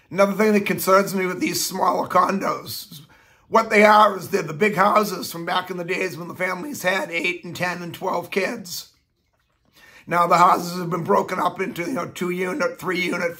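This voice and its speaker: An older man presents a property update in an informal video style. His voice sits high for a man, with a gravelly rasp and a bright, forceful edge. He sounds hoarse and a little nasal, as if recovering from the flu. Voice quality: raspy, slightly nasal. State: hoarse, getting over flu. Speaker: real estate agent presenting market update. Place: small furnished living room, indoors.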